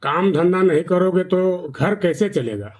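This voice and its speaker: A man's voice: sits high, expressive, measured pace, darkish tone. A man voicing a poor old village mother in a folk tale, speaking plainly and pleadingly. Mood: worried.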